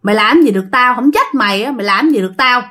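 A woman's voice: a little high, lively intonation, fast talker, bright, forceful tone. A woman voicing a rude, mocking old male duck farmer who keeps repeating his taunts. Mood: taunting.

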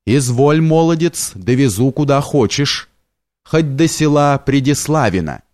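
A man reading an audiobook voices a sinister, calm male stranger who speaks slowly and with contempt. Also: medium pitch, no room sound, studio quality, natural voice. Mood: cold.

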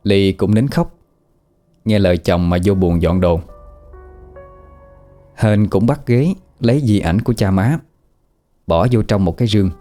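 A man narrating a ghost story in a steady, sorrowful manner. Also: fairly low pitch, unhurried, pauses often, soft background music.

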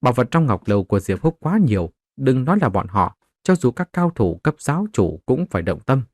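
A man's voice: mid-range voice, sing-song, a little fast, a little mellow, dry recording. A man narrating a martial-arts novel as a scripted audiobook, voicing the characters in his own voice.

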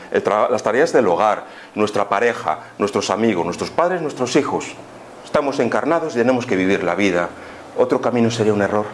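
A man with a Spain Spanish accent lectures informally on spiritism in a mid-range voice, with a little hiss or hum in the recording. He teaches didactically, posing rhetorical questions and adding little check-in tags.

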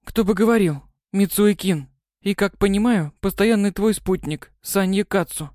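A man's voice: high voice, moderate pace, a little mellow, dry recording, clean studio sound, pitched above the performer's own voice, natural voice. A man reading an audiobook, voicing a cheeky, proud young rich girl in a raised voice. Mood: warning. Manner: cheeky, bossy.

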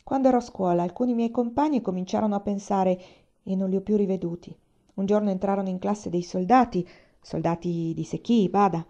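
A jittery, good-humoured young man, read by a woman narrator in a storybook, rushing his words and fretting. The voice is mellow and warm, on a dull, lo-fi recording. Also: mid-range voice, close to an everyday voice. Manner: hurried, fretful. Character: nervous jovial young man, easily flustered.

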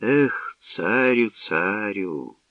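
A wise old male bard voiced by the narrator, rueful and reflective. His voice is low and quiet. The recording is dull and dry. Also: animated, very slow, no room sound, recorded from a distance, heavily acted. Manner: reflective, sighing.

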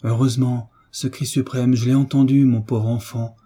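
Brief: a man voicing a kind, earnest tutor in an audiobook, soft dark tone, a bit husky. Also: mid-range voice, level tone, moderate pace, close to an everyday voice. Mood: gentle earnest.

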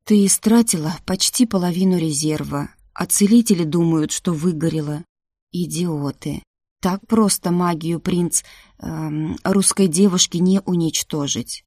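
A woman's voice: fairly low pitch, measured pace, dark tone, slightly rough, no room sound, studio quality. A woman doing a proud, soothing guardian spirit.

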